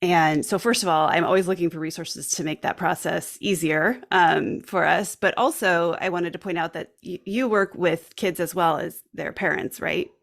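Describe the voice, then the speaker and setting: A woman's voice: fairly low pitch, normal speed, gravelly, few pauses. A woman hosting a podcast, talking reflectively and affirming her guest often. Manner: warm, reflective, frequent affirming murmurs. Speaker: podcast host. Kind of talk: conversational interview.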